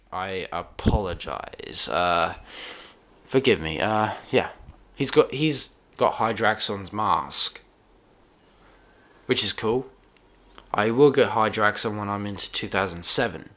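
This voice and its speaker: Man, slow toy review, rambling, restarts, dim room, camera on his hands. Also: medium pitch, fairly bright tone. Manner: rambling, halting, with many restarts and fillers.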